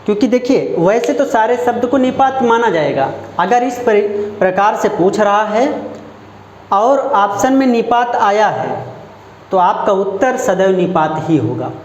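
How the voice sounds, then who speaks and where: Brief: male Hindi grammar teacher, Uttar Pradesh accent, high voice, echoey classroom with faint noise. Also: lively intonation. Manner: slow and deliberate, repeating phrases and checking understanding. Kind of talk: classroom lesson.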